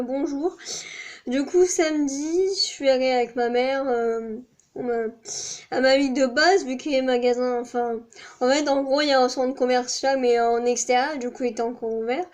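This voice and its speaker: Young woman, high voice, meandering vlog chat full of hesitations. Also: darkish tone. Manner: rambling, many fillers and restarts. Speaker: vlogger. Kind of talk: casual chat to camera.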